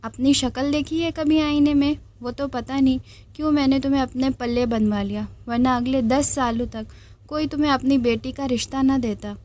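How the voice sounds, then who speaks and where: A proud, hot-tempered young woman, voiced by a woman reading a novel aloud, who snaps back indignantly. Her voice sits a little high. The reading is an audiobook of a romance story. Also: fairly even intonation, normal speed, darkish tone, lightly acted. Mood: angry. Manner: indignant, snapping.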